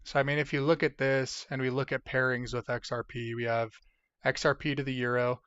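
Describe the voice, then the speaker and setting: A man's voice: mid-range voice, flat delivery, brisk, a bit bright, clean tone, no room sound, lo-fi sound. A tired, sleepy man hosting a casual livestream, from the United States, rambling as he reads chat aloud. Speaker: livestream host.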